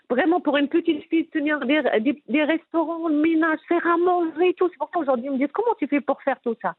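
A middle-aged woman with a Moroccan accent, telling her life story in an interview, earnest and emphatic with many restarts. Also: high-pitched. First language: Moroccan Arabic. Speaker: interviewee, businesswoman. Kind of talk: candid personal interview. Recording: phone-like narrow band.

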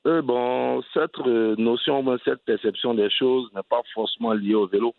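A man's voice: mid-range voice, fairly even intonation, a little slow, creaky, dry recording. Ivorian man, tinny phone-line sound. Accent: Ivorian French. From Côte d'Ivoire. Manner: earnest, restarts phrases often. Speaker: cycling advocate guest. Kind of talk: radio interview answers.

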